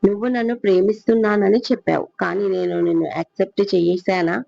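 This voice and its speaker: A woman's voice: mid-range voice, moderate pace, a little mellow, no room sound, lightly acted. A storyteller voicing a stubborn young woman who curtly waves off her suitor, on a dull, dry recording. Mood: defiant.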